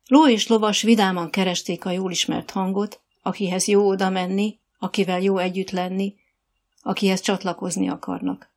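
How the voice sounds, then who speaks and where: A woman narrating an audiobook in an even, measured storytelling manner. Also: mid-range voice. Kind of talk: scripted narration.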